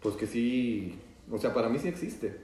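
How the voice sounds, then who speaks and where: A man chatting calmly on a podcast, thoughtful, with hesitant pauses. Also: medium pitch, slight background noise. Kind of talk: casual chat. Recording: roomy, from a distant mic.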